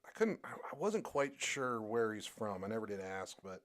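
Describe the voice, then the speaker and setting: A man's voice: lowish voice, sing-song, normal speed, a bit bright. A young man chatting casually on a live stream while he draws, rambling with lots of fillers and restarts. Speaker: streamer and artist.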